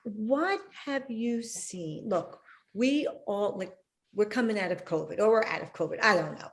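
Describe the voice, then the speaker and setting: A woman's voice: mid-range voice, animated, unhurried. A woman hosting an interview over a video call, frank and teasing, laughing easily as she pushes back. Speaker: podcast host. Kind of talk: casual interview chat.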